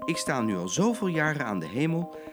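An older man voicing an ancient, gentle talking moon in a storybook. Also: a little high, very animated, a little fast, music in the background, voice pushed up. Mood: amazed.

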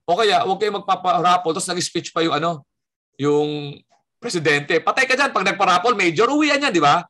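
A man's voice: high voice, fairly quick. A man from the Philippines, a stand-up comedian telling stories in casual chat and acting out the quotes in them. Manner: animated storyteller acting out quotes.

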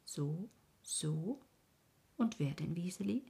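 A woman voicing an overjoyed, kindly middle-aged carpenter who talks excitedly and breathlessly, in a storybook reading. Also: on the low side, slow pace, gravelly, husky, heavily acted. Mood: gently puzzled.

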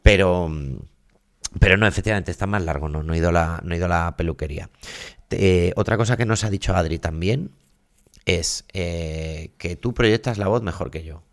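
A man in his thirties co-hosting a podcast, talking loudly in a casual, self-deprecating, animated way. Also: low voice, moderate pace. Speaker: podcast co-host. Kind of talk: casual chat.

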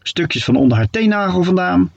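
A man narrating a children's story with playful, expressive delivery. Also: sits high, normal speed, vocal fry, dry recording, lo-fi sound.

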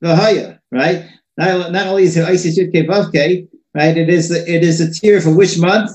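A man with a slightly higher voice gives a loose, conversational religious lesson to a few listeners. He circles back, repeats words and restarts sentences as he thinks aloud. The sound carries a clear room echo. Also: normal speed, a little mellow. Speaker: religious teacher. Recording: echoey room.

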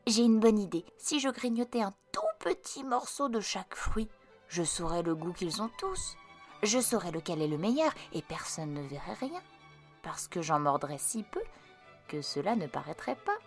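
A woman's voice: medium pitch, animated, normal speed, bright, forceful tone, faint music behind. A woman reading a storybook aloud and voicing a greedy, fretful little girl. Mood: scheming.

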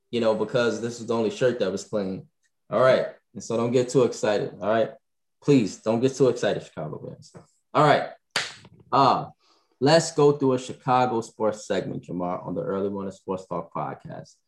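A man hosting a morning sports talk podcast in casual chat, animated and often repeating himself. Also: medium pitch, moderate pace. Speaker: podcast host.

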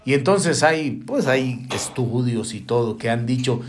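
A man preaching a sermon, animated, leaping up in pitch and dropping to hushed asides, calling the listeners brother. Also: measured pace, slight background noise.

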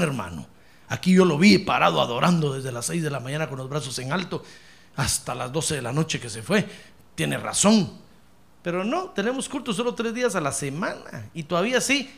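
A man preaching a sermon as a pastor, folksy and animated, leading his congregation in call-and-response and acting out conversations. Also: on the high side, gravelly.

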